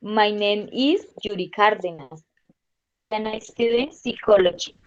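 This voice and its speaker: A Colombian woman in her thirties, a native Spanish speaker, giving a careful, halting self-introduction in learner English for a class. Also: medium pitch, muffled recording. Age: 30s. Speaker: language student. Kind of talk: slow read English class presentation.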